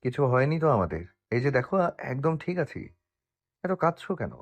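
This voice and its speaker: An actor playing a stern, proud young husband in an audio drama. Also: male voice, fairly low pitch, moderate pace, no room sound, close to an everyday voice. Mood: firm. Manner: firm, commanding.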